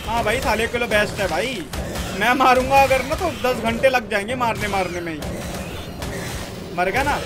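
A young man from India giving excitable, casual gameplay commentary, talking to himself and his in-game creature with frequent exclamations. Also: very high voice, normal speed, long pauses, loud music behind the voice. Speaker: gaming YouTuber.

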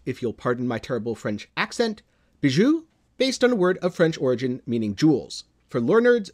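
A gaming channel host delivers scripted news commentary in a measured way. His voice drops low and dramatic at the end of each phrase.

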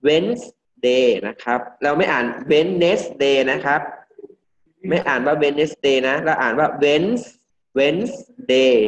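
A male English teacher from Thailand giving a classroom pronunciation lesson, drilling words slowly and repeating each one for the class. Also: medium pitch, a bit bright. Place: classroom with students. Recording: dull lo-fi classroom recording.

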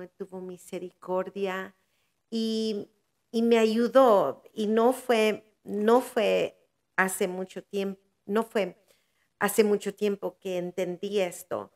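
A woman's voice: mid-range voice, creaky. An older woman preacher giving earnest testimony in a podcast interview, with heartfelt swells. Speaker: guest preacher.

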